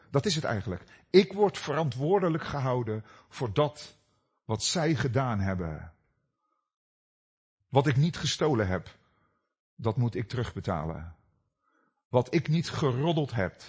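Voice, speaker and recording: A middle-aged man preaching a sermon, telling stories with dramatic swings between loud cries and hushed, low passages. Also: husky. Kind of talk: sermon with personal story.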